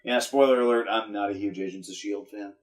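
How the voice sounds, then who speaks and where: A man's voice: lowish voice, steady tone, fairly quick. A man co-hosting a podcast in casual chat, explaining at length with frequent "uh" fillers. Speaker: podcast co-host.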